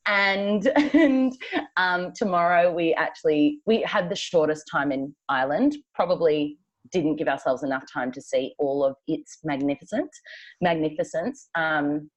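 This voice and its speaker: A woman's voice: low-pitched, normal speed. A woman co-hosting a podcast in casual chat, telling travel stories with frequent laughter. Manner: chatty, laughs often, storytelling. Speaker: podcast co-host. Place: travelling, recording remotely.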